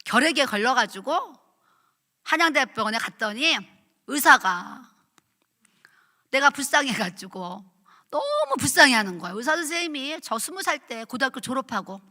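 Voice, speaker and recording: A middle-aged woman pastor preaching at a revival, telling her own story in an animated, chatty way and acting out quotes. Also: sits high, normal speed. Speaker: pastor, guest revival speaker. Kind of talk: sermon with personal testimony. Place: church sanctuary at a revival meeting. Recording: echoey church hall.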